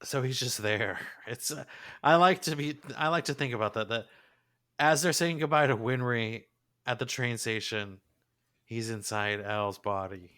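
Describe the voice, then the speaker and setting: Smooth-voiced enthusiastic male podcaster. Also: mid-range voice, normal speed, a bit bright. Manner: enthusiastic, gushing fan. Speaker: podcast co-host. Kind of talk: casual chat reviewing an anime episode.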